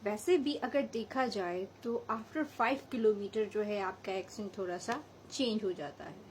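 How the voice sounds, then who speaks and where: A woman's voice: mid-range voice, unhurried, a little hiss or hum, poor audio. A woman from Hazara in Pakistan with a local accent, giving a chatty spoken English lesson and mixing English phrases into her explanations. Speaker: English teacher.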